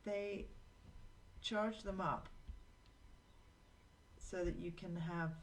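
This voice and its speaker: A low-pitched woman hosts a live-streamed drawing session, talking to her viewers as she works. Her talk is rambling and anecdotal, with the easy flow of someone thinking aloud, and a faint hiss sits under the voice. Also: fairly even intonation, extremely slow, poor audio. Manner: rambling, anecdotal, talks to viewers while working. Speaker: live drawing show host. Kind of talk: chatty live-stream narration while drawing.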